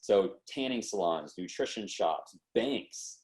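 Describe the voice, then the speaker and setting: Low-pitched and slow, this podcast guest in his twenties shares his story in a lively, casual manner. He leans on slang and acts out what people said.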